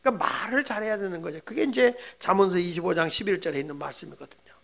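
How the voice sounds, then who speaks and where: A male pastor giving a sermon in a lively, conversational way, telling humorous stories to his congregation. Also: high-pitched, fast, creaky. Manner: animated storytelling with humorous anecdotes; direct, conversational address to the congregation.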